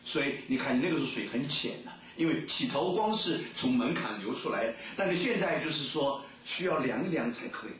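A man preaching a sermon and reading scripture aloud, telling the story in a lively way and stretching out his filler words. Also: medium pitch, a little fast, hardly any pauses, slight background noise. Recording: echoey room, mic at a distance.

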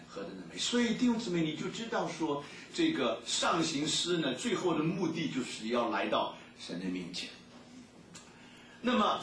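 A man preaching a sermon and reading scripture aloud, telling the story in a lively way and stretching out his filler words. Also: medium pitch, slight background noise. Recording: echoey room, mic at a distance.

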